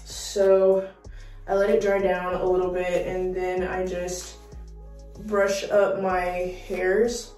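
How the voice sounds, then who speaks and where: A young woman chatting casually in a beauty vlog, excitable and full of dramatic exclamations. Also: fairly low pitch, takes it slowly, distant mic. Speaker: beauty vlogger. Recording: roomy, mic set back, faint music.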